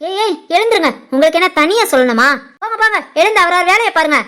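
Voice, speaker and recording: Woman voicing a bossy older mother-in-law, very high voice, sharp scolding, animated family story. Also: quick pace, full character voice. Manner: sharp scolding, shooing people off.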